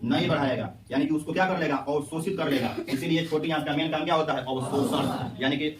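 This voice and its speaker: A man's voice: on the high side, a little fast. A male teacher, lecturing a class and quizzing students with repeated questions. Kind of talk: classroom lecture with call-and-response. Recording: echoey classroom, mic at a distance.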